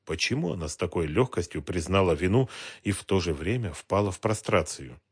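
A man reading an audiobook, narrating a tense scene in a measured, dramatic way. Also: deep voice, lively intonation, a little mellow, slightly rough. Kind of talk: scripted narration.

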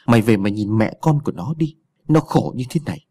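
A man voicing a worn-out old peasant mother who curses and scolds rapidly, in a husky low voice. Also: expressive, a little mellow. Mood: cursing.

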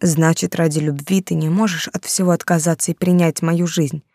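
A woman voicing a brooding, possessive man who pleads in a low, steady, insistent way. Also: moderate pace, no echo, clean studio sound. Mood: urgent.

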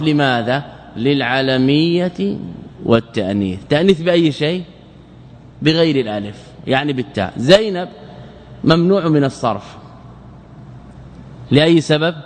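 A fairly high-voiced man lectures on grammar to a class, chanting verse lines slowly before he breaks them down with questions he answers himself. His voice rings out with a long reverb, as if it were captured in a large hall. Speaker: Islamic scholar teaching Arabic grammar.

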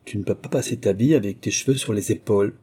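A man's voice: fairly low pitch, fast talker, breathy edge. Man voicing a frail, reproachful princess mother. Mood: admonishing. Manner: gentle, admonishing.

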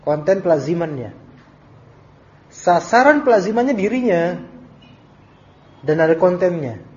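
Man, Islamic teacher, high voice, chatty lecture, acts out dialogues, dull lo-fi recording. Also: sing-song, unhurried, darkish tone. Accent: Indonesian with Arabic terms. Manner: conversational, acts out short dialogues with shifting pitch. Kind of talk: recorded study-circle lecture.

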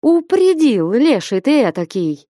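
A thundering old peasant patriarch from a storybook, hot-tempered but soft underneath, as a woman narrator puts him on. He shouts his words out slowly, with heavy weight, in a dry, close sound. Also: lowish voice, big pitch swings, no room sound. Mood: gruff kindly.

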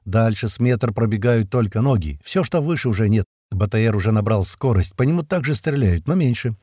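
A man's voice: fairly low pitch, expressive, fairly quick, dry recording, studio quality. A man reading a first-person action audiobook in a vivid, tense storytelling manner. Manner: vivid, tense storytelling that voices the soldiers' shouts. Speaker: audiobook narrator.

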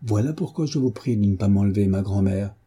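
Young woman schoolteacher, pleading, earnest, husky, low, voiced by a man. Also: fairly quick, warm tone. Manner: imploring, heartfelt.

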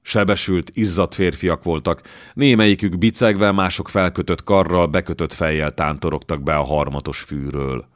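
Deep-voiced male audiobook narrator. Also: no room sound, clean studio sound. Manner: steady, measured reading. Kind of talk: scripted narration.

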